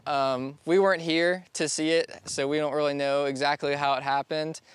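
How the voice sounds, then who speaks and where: Talking casually on a rural property, this DIY vlogger in his twenties is relaxed and laughs a lot. He speaks at a moderate pace in a slightly high, level voice that is clear and resonant, recorded on a lapel or on-camera mic with no room sound.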